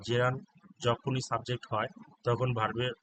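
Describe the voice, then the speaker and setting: A man with a Bangladeshi Bengali accent, an exam prep tutor, reads exam answers in a monotone and spells words out letter by letter. His pitch is medium and his speed normal, with a noisy background.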